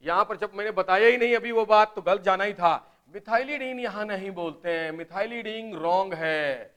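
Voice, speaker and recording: A man teaching chemistry in a live online class, explaining step by step and urging students to answer quickly in the chat. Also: sits high, fairly bright tone, clean tone. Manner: explains step by step, often asks "right?".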